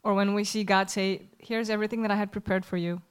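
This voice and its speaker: A woman's voice: medium pitch, steady tone, quick pace, smooth. Woman interpreting a sermon live. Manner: hesitant, searching for words with fillers and self-corrections. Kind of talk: live consecutive translation voice-over of a sermon. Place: church.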